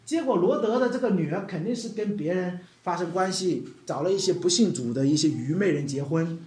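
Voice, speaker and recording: A man preaching a sermon in a lively way, dropping in English words and acting out quoted voices. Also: sits high, a little fast, reverberant.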